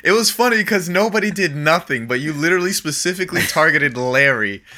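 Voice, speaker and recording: A man's voice: on the high side, animated, fairly quick, sharp tone. A man telling profane stories to friends in casual chat, laughing often. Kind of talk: casual storytelling among friends.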